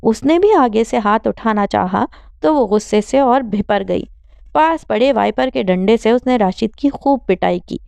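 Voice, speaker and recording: A woman reading a novel aloud as an audiobook narrator with steady storytelling. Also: a little high, gravelly, clear, resonant tone, no room sound.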